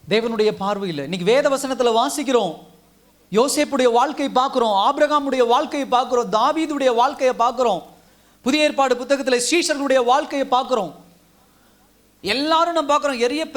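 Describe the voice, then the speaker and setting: High-voiced man preaching with repetition. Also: fast, fairly bright tone. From India. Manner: exhorting, repetitive preaching cadence. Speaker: pastor. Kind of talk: Tamil sermon.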